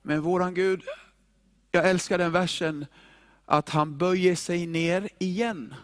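A male pastor preaching a sermon in an animated, informal and emphatic way, often repeating himself. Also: sits high.

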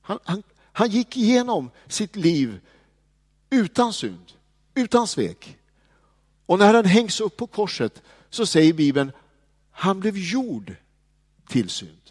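Man, preacher, sermon, fairly high voice, hushed then proclaiming, long hall reverb. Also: big pitch swings, long pauses, husky.

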